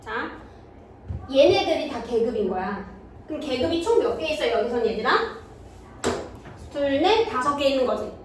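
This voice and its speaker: A woman with a high voice teaches middle school math to a class, pausing again and again to ask if the students understand. Her voice rings in a very echoey classroom. The mic sits some distance away, with a faint noise underneath. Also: lively intonation. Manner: checks understanding with quick questions to students. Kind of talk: classroom lecture.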